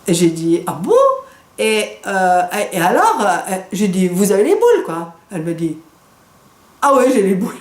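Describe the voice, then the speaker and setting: French woman, physician-trainer, animated storyteller, roomy echo. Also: mid-range voice, normal speed. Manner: lively, animated storytelling with quoted dialogue. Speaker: doctor and trainer. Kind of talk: storytelling lecture. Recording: echoey room.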